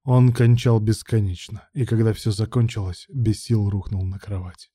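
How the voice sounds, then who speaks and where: A man narrating a story as an audiobook in a steady, even reading. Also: lowish voice, normal speed, husky, dry recording, studio quality.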